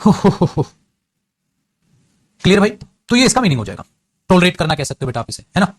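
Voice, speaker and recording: An English teacher with an Indian accent, coaxing students and slowly repeating example sentences. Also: male voice, high voice, very animated. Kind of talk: classroom lesson.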